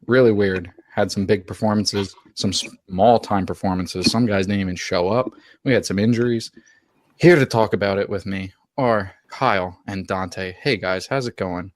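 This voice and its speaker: Hosting a comedic fantasy football podcast chat, a young man with a lowish voice gloats about his win and hams it up with mock drama, trash-talking theatrically. The sound is close and dry, with no room tone or echo.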